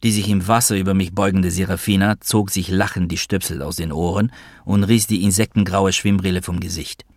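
A man's voice: deep voice, steady tone, a little fast, dry recording, clean studio sound. A man narrating an audiobook in the first person, in a wry tone. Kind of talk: audiobook reading.

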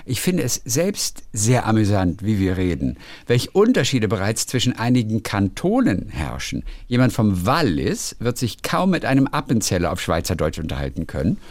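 A man's voice: on the low side, moderate pace, hardly any pauses, no room sound. A German man, a radio host, reading a listener's letter aloud and chatting casually on the phone. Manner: lively, reads aloud with playful emphasis.

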